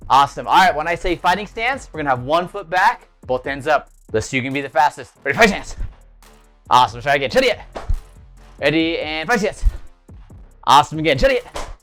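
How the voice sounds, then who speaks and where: A man with a fairly high voice leads a children's martial arts workout over music. He punches out counts and commands for the group to echo. In between, he is encouraging and energetic, tossing out quick praise. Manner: calls out counts and commands loudly for a group to repeat. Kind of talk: upbeat kids' fitness lesson with call-outs.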